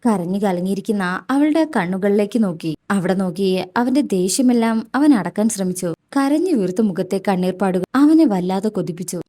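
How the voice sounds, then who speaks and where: Woman narrating a story, mellow voice. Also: medium pitch, animated, moderate pace, hardly any pauses. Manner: reads every character in her own voice.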